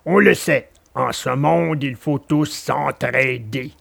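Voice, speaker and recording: A man voicing a kind, calm male dog in a storybook reading, speaking slowly and gently. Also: gravelly, breathy edge, no room sound, exaggerated voice. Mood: gentle. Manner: slow, low and gentle.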